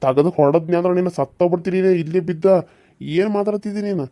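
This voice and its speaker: A cruel, scheming husband from a village cartoon serial, as a man acts him out, talking. His voice is dark and mellow at an ordinary pitch. He swings between hissed threats and soft coaxing. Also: fast, close to an everyday voice. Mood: menacing. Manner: snarling threats, then softly coaxing to his lover.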